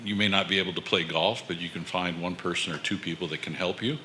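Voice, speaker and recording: A man giving his trustee report at a college board meeting, with many pauses and fillers. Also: sits low, steady tone, bright, forceful tone, slight background noise. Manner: loose, filler-heavy report.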